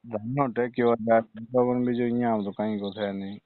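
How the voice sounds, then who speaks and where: Over a muffled, band-limited phone line, a man with a Rajasthani accent complains insistently about a power cut, clearly exasperated and using colloquial dialect. He has a mid-range voice with fairly even intonation, a moderate pace, and no echo.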